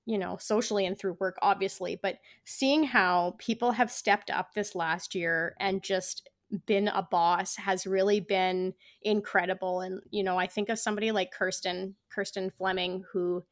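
A woman's voice: moderate pace, hardly any pauses, no room sound, studio quality. A woman guest on a casual podcast interview, telling running stories and acting out quotes with big jumps in voice, full of "like" fillers. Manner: animated storyteller, acts out quotes with big pitch jumps, many "like" fillers.

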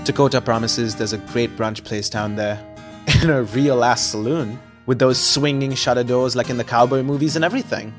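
Over music, a young man tells the story as the first-person lead of an audio drama, his medium voice moving at a moderate pace and sounding close to everyday speech. His narration is chatty and laced with wry jokes at his own expense.

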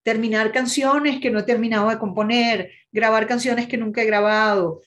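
A woman's voice: a little high, fairly even intonation, fairly bright tone. A woman from Ecuador, a musician and music teacher chatting as an interview guest and often tagging "¿no?". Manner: chatty, adds "¿no?" often and spells things out slowly. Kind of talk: casual interview chat.

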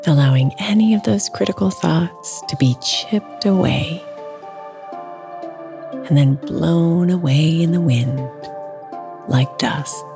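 Slow soothing woman guiding meditation. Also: low voice, gravelly. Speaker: meditation guide and ad reader. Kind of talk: guided meditation. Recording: soft new-age music behind.

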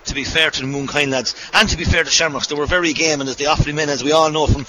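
Irish man, radio pundit, rapid rambling analysis, clear background noise. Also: on the high side, steady tone, pushed and bright, rough recording. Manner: rambling, rapid, repeats phrases. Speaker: radio co-commentator. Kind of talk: sports analysis.

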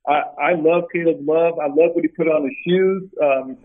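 A man's voice: a little high, normal speed. A middle-aged man, a former college basketball player, telling stories as a guest over the phone with many restarts. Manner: storytelling, many restarts, animated when quoting. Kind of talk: casual interview over the phone. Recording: tinny phone line.

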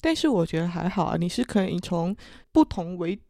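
A woman with a Chaoshan Teochew accent chatting casually as a podcast co-host, with an unhurried, artless, unexcitable intonation. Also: fairly low pitch, sing-song, warm tone, dry recording, clean studio sound. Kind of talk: casual chat.

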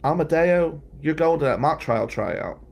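A woman's voice: deep voice, animated, unhurried, gravelly, a little mellow, husky, pitched above the performer's own voice, exaggerated voice. A man voicing a stern, insistent woman teacher who scolds and gives orders. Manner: commanding, scolding.

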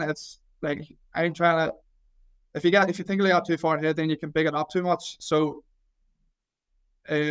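A man in his twenties with a Northern Irish accent from County Down. His voice is smooth and a little high for a man, with a fairly flat melody. He talks casually as an athlete being interviewed, modest and hesitant, often restarting and repeating his words. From County Down, Northern Ireland. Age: 20s. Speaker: Gaelic football goalkeeper trying out as American football kicker.

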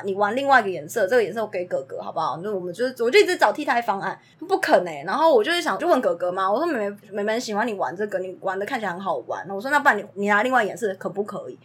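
A woman's voice: mid-range voice, racing, few pauses, husky. A woman, a daycare teacher telling classroom stories in casual chat and acting out the children's lines. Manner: animated storyteller, acts out children's lines.

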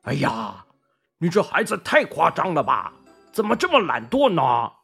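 A woman's voice: low voice, sing-song, moderate pace, gravelly, fairly bright tone, husky, soft background music, full character voice. A woman voicing a disapproving male farm worker who grumbles at a lazy youngster. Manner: disapproving, tutting.

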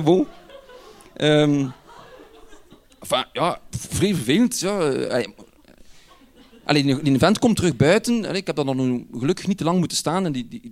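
A Flemish man from Ghent telling a personal anecdote in a lively way, laughing as he goes and using dialect words. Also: on the high side. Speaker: storyteller.

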